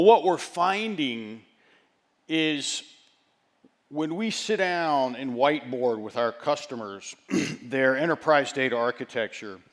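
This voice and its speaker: Casting: male chief executive on stage, mid-pitched voice, deliberate phrasing, punchy stresses, keynote delivery. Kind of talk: keynote presentation.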